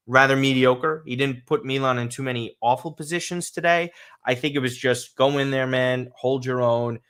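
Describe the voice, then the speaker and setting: Male podcast host, slight lisp, medium-pitched voice, casual and emphatic soccer commentary delivered straight to live viewers. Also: fairly bright tone. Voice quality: slight lisp from dental aligners.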